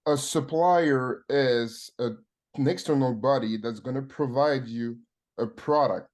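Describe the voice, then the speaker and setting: A man with a French accent, a supply chain consultant speaking as a webinar guest, measured and halting with many fillers. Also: medium pitch, darkish tone. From France.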